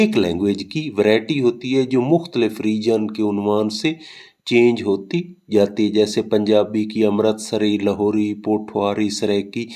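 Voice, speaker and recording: A man's voice: on the low side, mellow. Man giving a lecture. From Pakistan. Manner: explains with everyday examples, frequent hesitation fillers. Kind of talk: recorded lecture explaining linguistics.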